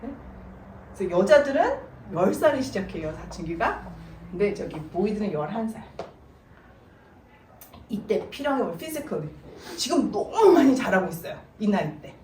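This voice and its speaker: A middle-aged woman giving a church parenting seminar, telling stories with animated delivery and slipping English words into her talk. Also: medium pitch, normal speed, long pauses. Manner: animated storytelling, mixes English words into Korean. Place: church hall. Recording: echoey room, voice from far off, faint noise.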